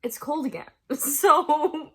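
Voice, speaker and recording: In her bedroom at home, a young crafting vlogger from the United States talks casually to her viewers in a high-pitched, slow voice. She has a stuffy nose from a cold and laughs frequently.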